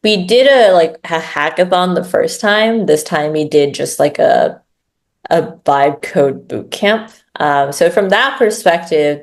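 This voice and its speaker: A woman's voice: low voice, gravelly. A woman speaking as a guest in an interview. She talks in a chatty, casual way, with many fillers and tag questions. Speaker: growth lead, interview guest.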